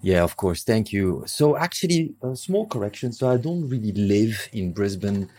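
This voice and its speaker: Very low-voiced man from Congo. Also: expressive, normal speed, dark tone. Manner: rambling, many fillers and restarts. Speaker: guest. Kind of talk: casual interview chat.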